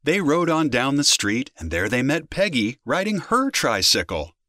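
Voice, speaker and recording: Animated man reading a children's story. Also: medium pitch, normal speed, no room sound, studio quality. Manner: animated, expressive.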